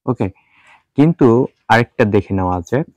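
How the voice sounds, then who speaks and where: A man teaching English pronunciation in Bengali, repeating each sound slowly and mixing in English words. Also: medium pitch, expressive, a little mellow, no echo. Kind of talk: spoken language lesson.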